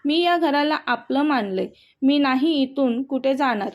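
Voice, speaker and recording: A woman voicing a gentle, devoted young wife, speaking softly and earnestly in a storybook. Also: high-pitched, expressive, a little slow. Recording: dull, muffled audio.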